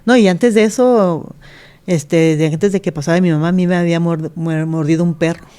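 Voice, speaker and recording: A woman's voice: fairly low pitch, moderate pace, mellow, clean tone. A middle-aged woman, a pastor, telling her life story in an earnest interview and acting out the voices of the people in it. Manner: earnest, retells scenes by acting out quoted speech. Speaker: pastor, guest.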